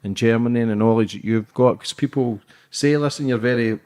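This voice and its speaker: A man's voice: medium pitch, a little fast, darkish tone, clear, resonant tone. Easygoing man podcast host. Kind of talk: casual podcast interview.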